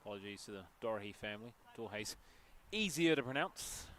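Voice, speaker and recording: A man giving chatty live commentary on a local football match outdoors, with jokey asides and excited bursts at chances. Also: on the low side, a little fast. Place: outdoors at a local sports field. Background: passing traffic.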